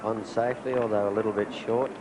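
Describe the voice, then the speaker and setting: Lower-voiced male golf commentator. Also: fairly even intonation, fast. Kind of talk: conversational expert golf commentary. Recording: noisy outdoor 1980s TV broadcast.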